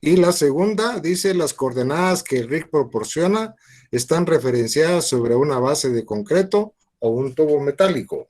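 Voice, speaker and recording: Polite guy reading out questions for the class, slightly high voice. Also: lively intonation, normal speed, darkish tone. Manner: courteous, reads questions aloud. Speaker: moderator reading viewer questions. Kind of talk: online class moderation.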